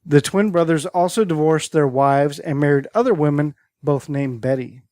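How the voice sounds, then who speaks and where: Presenting a list of odd stories in a relaxed storytelling style, this male podcast host, a native Greek speaker, occasionally trips over names and words. He talks at a normal speed in a somewhat high, slightly mellow voice. The audio is clean studio sound without any room sound.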